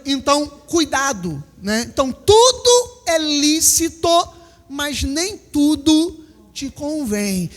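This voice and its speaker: A high-pitched man in his fifties from Brazil preaching a lively sermon in a church hall. He hammers his warnings with repetition and acts out small scenes for the congregation. His voice rings with a long hall reverb. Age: 50s. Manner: emphatic, repeats lines, acts out little scenes. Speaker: pastor.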